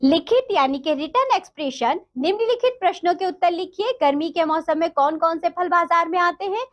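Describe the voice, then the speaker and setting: A woman teacher going through a textbook lesson for young children, explaining slowly and repeating the answers. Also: extremely high pitch, animated, muffled recording.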